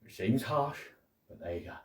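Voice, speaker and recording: A man's voice: medium pitch, expressive, normal speed, roomy sound, distant mic. A man hosting a casual solo podcast, rambling and joking, often laughing and acting out little quotes. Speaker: podcast host.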